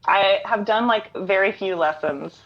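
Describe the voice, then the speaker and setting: Speaking a little slowly at a medium pitch, this middle-aged American woman is a guest on an interview, calling in remotely from home. She writes and is a singer-songwriter, and she explains things in a laid-back, conversational way. Audio quality is dull and lo-fi, typical of an online call.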